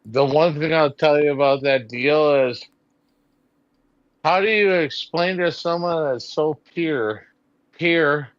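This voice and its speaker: Slow-talking forty-year-old man. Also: on the high side, no echo, muffled recording. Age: 40s. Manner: repetitive, emphatic, swears freely. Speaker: livestream host. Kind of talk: casual group chat.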